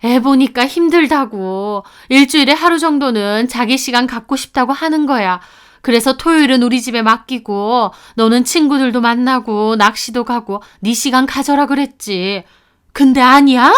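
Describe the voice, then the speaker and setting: A woman voicing a flustered, worried older mother-in-law who talks slowly and fussily. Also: sits high, fairly bright tone, clear, resonant tone.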